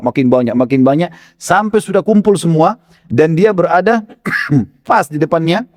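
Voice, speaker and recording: A male preacher tells a story with lively, animated delivery and a slightly high voice. He often turns to his listeners with friendly asides and tag fillers. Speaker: Islamic preacher. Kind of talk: storytelling sermon.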